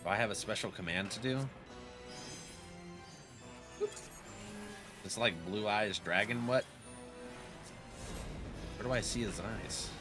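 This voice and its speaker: A man's voice: on the low side, slow, long pauses, music in the background. A man doing casual, slangy gameplay commentary, reacting and joking to himself as he plays. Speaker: video game streamer.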